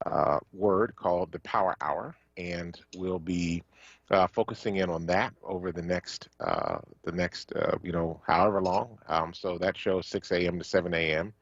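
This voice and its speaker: Male radio co-host from Philly, deep voice, loose and hesitant delivery, dry studio mic. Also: expressive, vocal fry, no room sound, lo-fi sound. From Philadelphia. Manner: halting, many fillers, warm thanks. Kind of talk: casual radio talk. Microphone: studio microphone.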